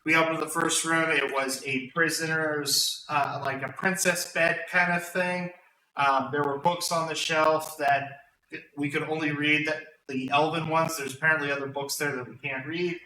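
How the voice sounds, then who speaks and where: A man's voice: on the high side, sharp tone. A man casually recapping a tabletop game session for his friends, rambling and correcting himself as he goes. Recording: roomy, distant mic, faint hum.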